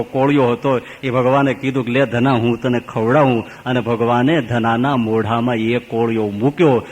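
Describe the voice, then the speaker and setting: Preacher telling a story in an echoing hall. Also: male voice, medium pitch. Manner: dramatic storyteller, swinging between loud and hushed. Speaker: swami preacher. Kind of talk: storytelling sermon. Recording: hall with long reverb.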